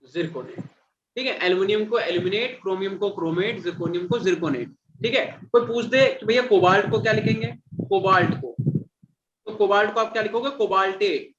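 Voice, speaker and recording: High-voiced man quizzing a class. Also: brisk, fairly bright tone, a little hiss or hum. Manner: repeats and quizzes students, calls them "beta". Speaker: teacher. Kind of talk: classroom chemistry lecture. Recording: dull lo-fi classroom recording.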